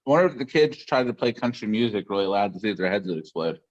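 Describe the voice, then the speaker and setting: A man's voice: fairly low pitch, lively intonation, quick pace, dry recording. A man from West Virginia co-hosting a casual podcast, telling a family story with dry jokes. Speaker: podcast co-host. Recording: dull dry podcast mic.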